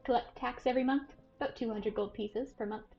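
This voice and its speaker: A woman puts on a talkative old man who leads guests through a guild hall. He hems and haws through his explanations, fussy but helpful. The voice sits a touch high, and the recording is dull and lo-fi. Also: steady tone, fairly quick, gravelly, warm tone, soft background music. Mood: explaining. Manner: hesitant, fussy, full of fillers. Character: chatty old man showing the guild house.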